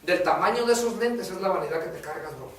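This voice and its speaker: A man's voice: sits high, animated, fast talker, a crowd in the background. A man preaching a sermon in a casual way, often calling the listener "brother" and asking "right?". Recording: echoey room, voice from a distance.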